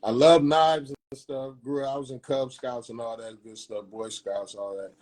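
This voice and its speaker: A barber in his 50s from Peoria, Illinois, tells his story in an interview, speaking in a mid-range voice at normal speed. His casual storytelling is slangy and animated, with acted-out dialogue.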